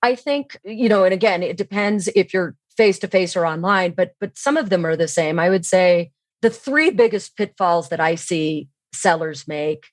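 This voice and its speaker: A woman whose voice sits on the low side speaks at a moderate pace, with no room sound, as a podcast guest on a remote online call. She's a sales training expert who explains instructively, frequently asking questions and answering them herself.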